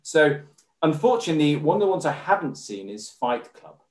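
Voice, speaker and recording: A man with an English accent, a podcast guest talking in a measured, formal way with many fillers. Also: fairly high pitch, big pitch swings, a little mellow. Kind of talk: conversational interview. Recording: roomy echo.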